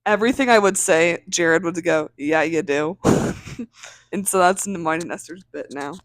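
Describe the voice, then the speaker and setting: A woman's voice: fairly low pitch, moderate pace, dry recording. A woman in her twenties co-hosting a podcast, telling a story in casual chat with lots of swearing and laughter. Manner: animated storytelling, swears a lot, laughs often. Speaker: podcast co-host.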